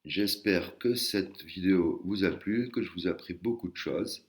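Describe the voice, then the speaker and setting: A man teaching a language lesson in a casual, hesitant way, with many fillers, slowly sounding out syllables. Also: low-pitched.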